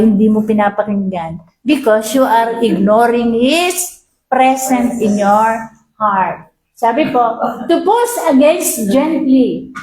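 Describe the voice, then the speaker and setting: High-voiced Filipino woman pastor preaching. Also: echoey room, poor audio. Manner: asks the congregation often, mixes English readings into Filipino. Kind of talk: sermon.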